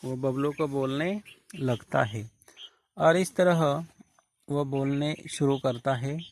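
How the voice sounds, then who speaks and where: Slow-paced male teacher, clears throat often. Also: mid-range voice. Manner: explains idioms, repeats and paraphrases each line. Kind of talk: classroom lecture explaining a story.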